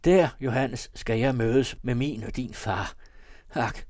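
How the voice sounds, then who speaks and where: A reckless young man on his deathbed spins ironic fancies in a wry, rambling way, as a man reads him for an audiobook. Mid pitch, heard close and dry. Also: darkish tone, no room sound, lightly acted. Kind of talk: audiobook reading of a classic novel.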